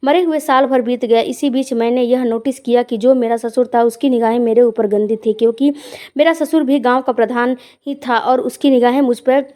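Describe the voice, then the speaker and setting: A woman tells a story in the first person, plain and conversational, carrying a quiet emotional weight. Her voice is slightly high, soft and mellow, with fairly even intonation and a fairly quick pace.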